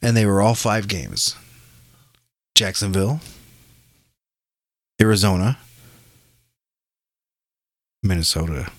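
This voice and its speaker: A man's voice: on the low side, takes it slowly, long pauses, fairly bright tone, no echo, studio quality. A man casually talking football as a podcast host, with an informal, sweary way of talking. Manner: profane, informal.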